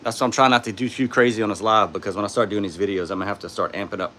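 A man with a sore throat hosting a casual live stream, answering chat in a tired, low-key way from his home studio on a phone. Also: fairly even intonation, rapid-fire, sharp tone. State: sore throat, speaking softly.

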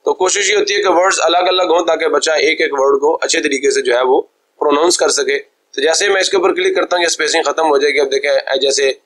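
A young man teaching a software tutorial, explaining step by step, slipping English terms into his speech and often checking that viewers follow. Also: a little high, fast. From Pakistan. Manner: mixes English terms into Hindi-Urdu speech; polite, deferential address to viewers. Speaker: computer teacher. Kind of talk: screen-recorded software tutorial.

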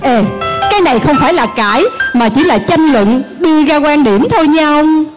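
A woman with a Southern Vietnamese accent playing a chattering farmer's wife who answers back quickly in a stage comedy skit. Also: high voice, animated. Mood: bickering. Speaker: stage actress. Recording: muffled recording with music behind.

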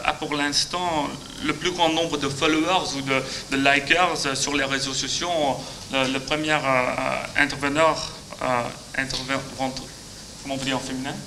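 A Flemish man delivers a conference talk in halting, second-language French. His voice is very bright and forceful, picked up on a podium microphone with faint noise behind. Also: a little high, poor audio. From Flemish Belgium. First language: Dutch (Flemish). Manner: halting non-native French with grammar slips. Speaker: conference speaker, legal adviser. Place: large conference auditorium.

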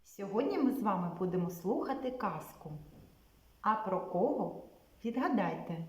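A kindergarten teacher greeting children with a slow sing-song finger rhyme. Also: female voice, mid-range voice, expressive. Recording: distant, roomy echo.

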